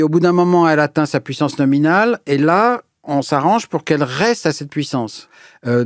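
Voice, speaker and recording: A man's voice: fairly high pitch, dry recording, clean studio sound. A man answering interview questions as an energy expert, explaining at length with frequent hesitations and fillers. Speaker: energy researcher, guest.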